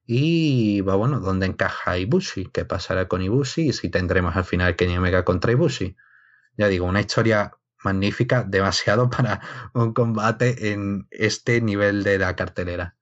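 Man, lowish voice, conversational wrestling analyst, slightly dull lo-fi recording. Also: normal speed. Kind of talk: casual wrestling analysis chat.

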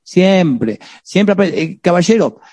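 Animated Argentine preacher, high voice. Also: male voice, slow pace, no echo. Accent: Argentine Spanish. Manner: exhorting, peppered with rhetorical "¿eh?"; joking, direct address to the audience. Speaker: preacher on marriage. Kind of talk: sermon.

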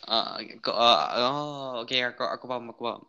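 Bright, forceful young Malaysian man chatting. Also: medium pitch, moderate pace, clean tone, muffled recording. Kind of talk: casual chat.

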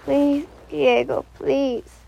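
A woman voicing the listener character in a second-person audio story, breathy and pleading. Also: high voice, little pitch movement, drawn-out words, dark tone, voice pushed up, heavily acted.

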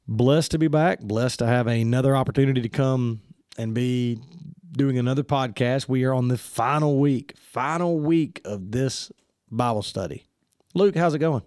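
A man hosts a church podcast in a mid-range voice with a darkish tone, sounding congested. He talks casually and friendly but halting, with many fillers, and the recording is dry with clean studio sound.

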